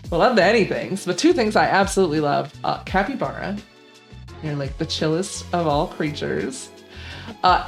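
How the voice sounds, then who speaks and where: Chatty woman rambling through game picks. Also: on the low side. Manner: rambling, chatty, many fillers and laughs. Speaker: gaming channel host. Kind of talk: casual gaming vlog commentary.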